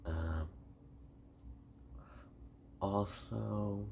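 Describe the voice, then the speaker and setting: A man giving a soft-spoken, partly whispered ASMR review in a hushed voice, rambling and haltingly rephrasing himself. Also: fairly low pitch, fairly even intonation, creaky, slight background noise. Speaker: video reviewer.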